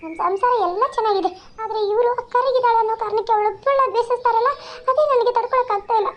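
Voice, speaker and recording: A woman's voice: extremely high pitch, fast talker, slight background noise, pitched above the performer's own voice. A woman playing an indignant cartoon mother. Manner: pleading, indignant. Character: caring village mother defending her dark-skinned daughter. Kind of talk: cartoon voice acting. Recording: slightly dull lo-fi sound.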